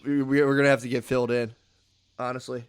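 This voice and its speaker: A man hosting a podcast in casual chat, talking in halting, restarting phrases. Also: medium pitch, flat delivery, clean tone, no echo. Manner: rambling, halting, with frequent restarts. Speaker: podcast host.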